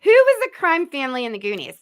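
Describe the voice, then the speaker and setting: High lively woman hosting a quiz. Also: quick pace. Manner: lively, laughs often, sings lyric snippets. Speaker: quiz host. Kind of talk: casual trivia game chat.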